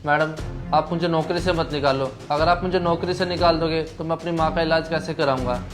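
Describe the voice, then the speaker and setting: A man's voice: fairly high pitch, fairly even intonation, brisk, loud music behind the voice, close to an everyday voice. A man playing a poor young driver who pleads politely with his employer in a scripted skit. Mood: pleading.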